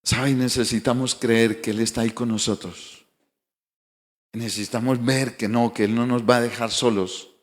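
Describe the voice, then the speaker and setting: A man's voice: medium pitch, fairly even intonation, moderate pace, in a large hall. A male pastor preaching a sermon, building emphatic declarations and asking the congregation rhetorical questions. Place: church sanctuary.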